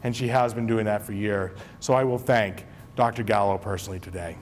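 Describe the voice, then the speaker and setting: In a large hall before a live audience, a Maine school superintendent delivers a lighthearted, self-deprecating convocation speech to staff, chatting and joking with them. His pitch is fairly low, his intonation fairly even, and he talks fairly quickly, over slight background noise.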